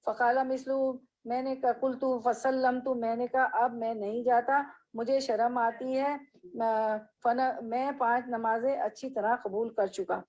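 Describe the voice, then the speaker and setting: A woman leads a hadith class. Her voice sits fairly high, and she reads each Arabic phrase slowly before explaining it and checking her listeners with questions. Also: fairly even intonation, darkish tone, poor audio. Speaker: religious teacher.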